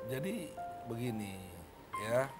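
A man's voice: medium pitch, very animated, takes it slowly, over music. A man, a lawyer, speaking as a guest on a television talk show in a hesitant way, often adding "ya". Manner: hesitant, repeats filler "ya".

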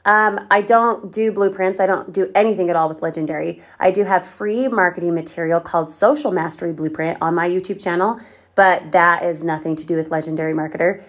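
A woman from Colorado hosting a livestream, giving an upbeat, persuasive sales pitch and answering viewers' comments directly. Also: brisk. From Colorado, USA. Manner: upbeat, persuasive, talks straight to viewers and reads their comments. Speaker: online marketing livestream host.

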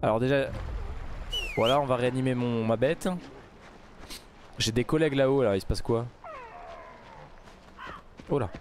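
A man giving casual let's play commentary, mumbling then bursting into loud outbursts. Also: mid-range voice, normal speed, long pauses, background noise. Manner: excitable, swings from mumbling to outbursts. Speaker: gaming YouTuber.

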